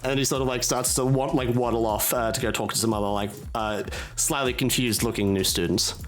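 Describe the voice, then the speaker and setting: A man's voice: medium pitch, steady tone, fairly quick, faint music behind. A man narrating as dungeon master in a loose, filler-heavy way. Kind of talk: narrating a tabletop game.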